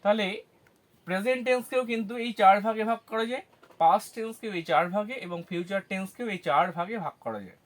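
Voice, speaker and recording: A man teaching an English grammar lesson, asking questions and answering them himself, spelling words out syllable by syllable. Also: sits high. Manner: slow, syllable-by-syllable explanations with self-answered questions.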